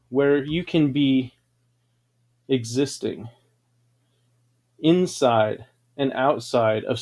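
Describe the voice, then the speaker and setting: A man's voice: mid-range voice, a little mellow. A man hosting a livestream, telling grand, boastful stories in a dramatic, preachy way. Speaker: livestream host. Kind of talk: grandiose motivational storytelling.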